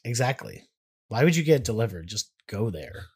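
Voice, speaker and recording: A man's voice: medium pitch, very animated, a little mellow, husky. Wry bantering man with a Texan accent. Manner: wry, bantering, with quick sarcastic comebacks. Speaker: podcast co-host. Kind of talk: casual chat.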